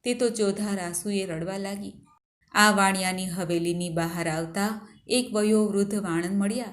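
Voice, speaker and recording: A woman narrating a devotional fasting tale in a steady, storytelling reading. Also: mid-range voice.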